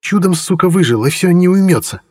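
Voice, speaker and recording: A man's voice: fairly high pitch, fast talker, a little mellow, voice pushed up, natural voice. Man putting on a fierce, mocking young warrior girl. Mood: angry. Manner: mocking, tough slang. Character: fierce sharp-tongued young woman warrior. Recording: long reverb.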